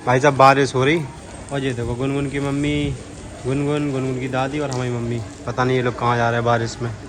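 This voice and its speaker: A man's voice: mid-range voice, little pitch movement, a little fast, noisy background. A young man with a Bundeli accent, vlogging casually at home and teasing the children playfully. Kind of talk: casual family vlog narration.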